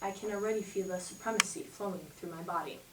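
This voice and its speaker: Fast and steady in a mid-range, near-everyday voice, a woman portrays a flighty, flirtatious 1920s newscaster full of slang for an amateur spoof broadcast. Her delivery is theatrical and mock serious; the room echoes, the mic is distant, and there's faint noise.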